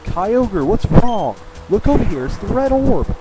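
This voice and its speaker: A man voicing a frantic male team leader from a video game, pleading in a high, desperate voice. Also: sing-song, a little slow, over loud music, heavily acted, poor audio.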